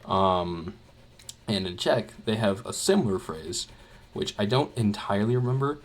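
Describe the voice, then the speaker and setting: Drawing as he talks, a young man who runs an art channel chats casually in a lowish, expressive voice at a moderate pace. He rambles, with many fillers and restarts.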